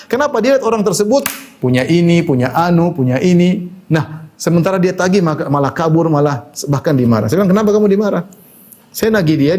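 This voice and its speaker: Preacher guy, chatty lecture, fills with "ya", kinda high but mellow. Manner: conversational, frequent "ya" fillers, quotes Arabic hadith. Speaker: Islamic preacher. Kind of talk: religious lecture.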